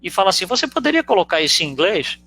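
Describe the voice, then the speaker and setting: A man's voice: sits high, sing-song, racing, vocal fry, pushed and bright, slightly rough. A man with a Brazilian Portuguese accent giving a conversational spiritist teaching talk, explaining through rhetorical questions and frequent tag questions. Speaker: spiritist lecturer.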